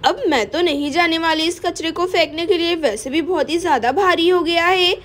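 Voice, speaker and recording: Figure: chatty, bossy young housewife played by a woman. Pitch: very high. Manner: talks to herself, scolds. Style: doll-play storytelling. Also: moderate pace, a bit bright. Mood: scolding.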